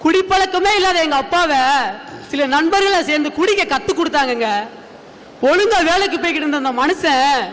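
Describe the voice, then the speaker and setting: High-pitched young man in echoing hall. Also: fairly bright tone. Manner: earnest, pleading, addresses listeners with "ayya". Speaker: student debate speaker. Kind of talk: emotional stage speech. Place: large hall on stage. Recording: hall reverb, faint background noise.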